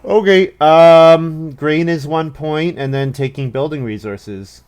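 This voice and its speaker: A man with a fairly high, clean, darkish voice speaks slowly as he plays a board game. Narrating his turns as casual play commentary, he thinks aloud, pokes fun at himself, and chuckles at his own moves.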